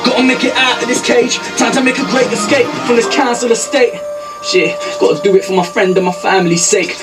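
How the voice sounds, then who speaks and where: A man's voice: very high voice, steady tone, a little fast. A man with a British accent rapping an intense verse full of wordplay. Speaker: rapper. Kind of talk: rap verse over a beat. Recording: loud beat under the vocal. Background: loud backing music.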